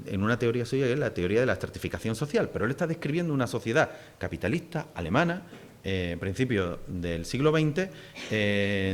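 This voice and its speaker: A middle-aged man from Huelva with an Andalusian accent, giving a public linguistics lecture in a casual, digressive way with many fillers and restarts. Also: medium pitch. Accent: Andalusian Spanish. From Huelva, Spain.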